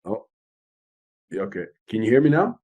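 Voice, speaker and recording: A man's voice: on the low side, big pitch swings, moderate pace, breathy edge, narrow, tinny audio. A Canadian man with Ethiopian parents hosting an interview over a video call, affirming the guest and often restarting his sentences. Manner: warm affirmations, stammering restarts. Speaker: interviewer host.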